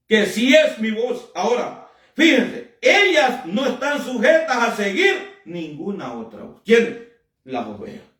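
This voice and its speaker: Guy preaching hard, lots of emphatic calls, sounds far off the mic in an echoey room. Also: high-pitched. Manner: emphatic, fervent preaching with frequent "amén" and "hermano". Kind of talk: sermon.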